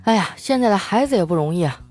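A woman's voice: medium pitch, lively intonation, fast talker, a little mellow, no echo, faint music behind. A young woman hosting a show, telling funny anecdotes in a playful, giggly way. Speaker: podcast host. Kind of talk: comic storytelling.

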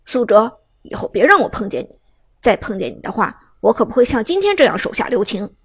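A bitter young man who has just lost a match but won't admit it, spitting out boasts and threats, played by a woman narrator. Her voice sits fairly high and sounds dry and close. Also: sing-song, fairly quick, breathy edge, no room sound. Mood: scornful. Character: arrogant young male gamer, sore loser.

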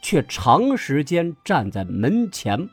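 A man narrates a story slowly and with feeling, his husky voice rising and falling in a lively way. The recording is dry and close, with faint music playing underneath. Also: on the high side. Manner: measured, expressive storytelling. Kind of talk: scripted narration.

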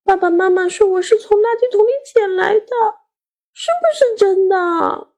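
A woman doing a high, huffy little kid. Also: normal speed, darkish tone. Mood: pleading. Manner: high, childish and emphatic. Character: small child, hurt and stubborn.

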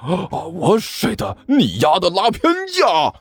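A man voicing a hot-headed young man who shouts in a high, shrill, furious voice. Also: wildly swooping pitch, measured pace, breathy edge, no echo, full character voice.

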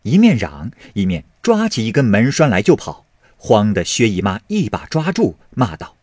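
A man narrating a classic novel as an expressive, dramatic audiobook storyteller. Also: lowish voice, moderate pace, no room sound, clean studio sound.

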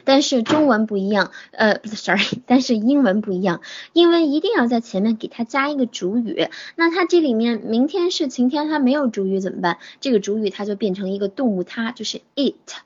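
A woman teaching English in an online class, explaining in Chinese and slowly modelling English phrases with a Chinese accent. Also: fairly high pitch, animated, breathy edge, dull audio. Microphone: phone or computer mic.

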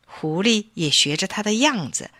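A woman tells a children's story in a slow, clear, expressive way. Her voice is bright and lively in pitch. The recording is dry and close. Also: no room sound. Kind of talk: storybook narration.

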